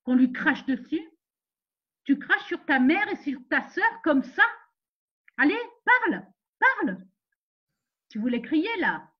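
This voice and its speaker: A woman's voice: high voice, lively intonation, unhurried, lo-fi sound. A woman playing a fierce, protective mother who gives orders and scolds a man in an amateur theatre web series. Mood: scolding. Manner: commanding, scolding, defiant.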